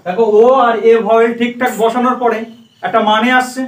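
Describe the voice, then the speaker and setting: A man's voice: extremely high pitch, level tone, fairly quick, fairly bright tone, far from the mic. A man teaching a class, quizzing pupils one by one and spelling out letters for them. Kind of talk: classroom lesson. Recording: roomy classroom, voice from afar.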